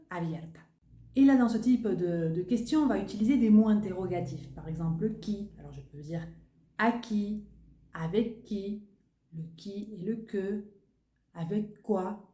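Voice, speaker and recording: A woman's voice: medium pitch, measured pace, dark tone. A woman teaching French grammar in a lesson, explaining patiently and repeating example questions with rising intonation. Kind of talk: language lesson switching between French and Spanish. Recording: echoey room.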